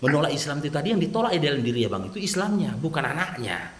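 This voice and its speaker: Lively Medan-accented man preaching. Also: on the high side, fast, echoey room. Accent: Medan Indonesian. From Medan, North Sumatra. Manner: lively storyteller who acts out quoted dialogue. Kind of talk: persuasive religious talk to a listener.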